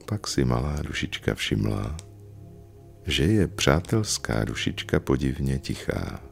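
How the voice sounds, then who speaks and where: A man narrating a gentle spiritual story in a slow, calm storytelling manner. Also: very deep voice, gravelly. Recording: faint music behind.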